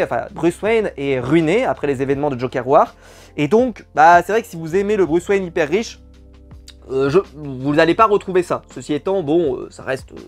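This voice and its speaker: A man hosting his channel, talking casually and at length about comic books, with many fillers and asides. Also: fairly high pitch. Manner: chatty, many fillers and asides, upbeat bursts. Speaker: comics reviewer. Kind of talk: casual review talk.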